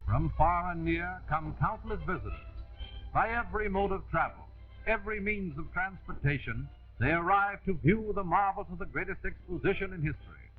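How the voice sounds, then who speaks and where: Guy doing old newsreel narration, high voice, tinny phone-like sound, faint music under it. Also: lively intonation, normal speed. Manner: formal announcer delivery.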